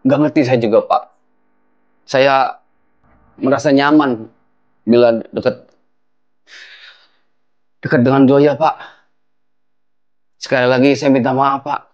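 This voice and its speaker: A man's voice: medium pitch, steady tone, takes it slowly, pauses often, a little mellow, muffled recording, natural voice. A young man playing a son-in-law who apologizes and pleads with his angry father-in-law in a film. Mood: pleading. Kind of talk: low-budget film acting.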